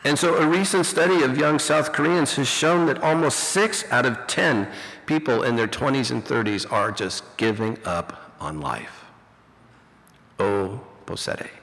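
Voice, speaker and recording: Gravelly yet fairly bright, the medium-pitched voice belongs to a middle-aged pastor and teacher. His sermon is conversational and reflective, laced with "you know," and the reverberant hall recording comes through fuzzy and distorted.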